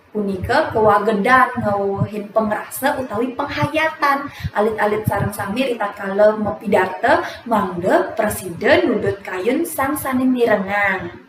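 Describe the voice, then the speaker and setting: Woman teacher, young adult, formal lesson, measured delivery with fillers, roomy echo, faint background noise. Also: medium pitch. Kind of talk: teaching a lesson on Balinese speech. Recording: echoey room, voice from some distance, faint noise.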